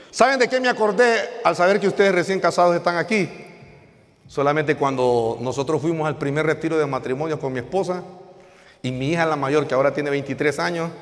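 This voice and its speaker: A man, preaching an animated, joking sermon and calling out to his congregation in a church. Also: medium pitch. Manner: animated, jokes, calls out to the congregation. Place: church hall. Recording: long reverb in a hall.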